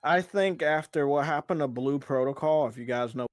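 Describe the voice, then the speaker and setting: A man's voice: on the high side, normal speed, no echo, clean studio sound. Man on a glitching, cutting-out call line. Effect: audio glitching and cutting out for seconds at a time. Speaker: podcast co-host calling in remotely. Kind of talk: casual chat. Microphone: online call setup.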